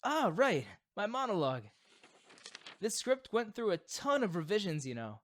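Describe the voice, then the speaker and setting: A man's voice: high-pitched, moderate pace. Man acting as a theatrical, swooping supervillain boyfriend. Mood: eager. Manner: theatrical, expressive, teasing. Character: theatrical supervillain boyfriend, proud, flustered, secretly doting. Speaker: ASMR roleplay voice actor. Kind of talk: dramatic ASMR boyfriend roleplay.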